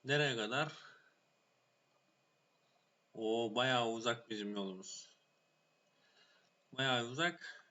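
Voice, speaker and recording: A man giving casual gameplay commentary, playful and swearing a lot, shouting at the game when it goes wrong. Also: medium pitch, slow pace, pauses often, dull audio. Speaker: gaming YouTuber.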